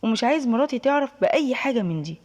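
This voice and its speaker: A woman's voice: on the high side, animated, rapid-fire, a little mellow. A woman with an Egyptian accent voicing a reserved male driver who speaks plainly and matter-of-factly.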